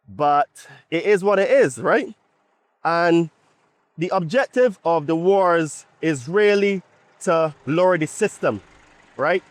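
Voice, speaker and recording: Recorded without room sound, a man with a fairly high voice and a Bajan accent from Barbados hosts a podcast. His monologue is opinionated and emphatic yet conversational, and he often checks his points with tag questions.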